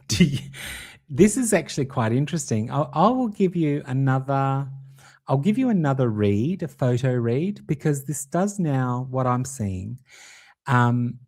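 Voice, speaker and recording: A man's voice: medium pitch, a little mellow. A man hosting a casual tarot livestream, theatrical and giggly, calling his viewers darling. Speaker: tarot reader streaming host.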